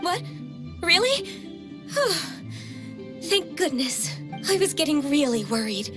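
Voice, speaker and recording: A timid, worried young secretary in a video game. Her voice is high, and she speaks in a hesitant, earnest, deferential way over clearly audible music. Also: sing-song, slow pace, exaggerated voice. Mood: flustered. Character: gentle, timid, anxious young female secretary. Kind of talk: scripted video game voice acting.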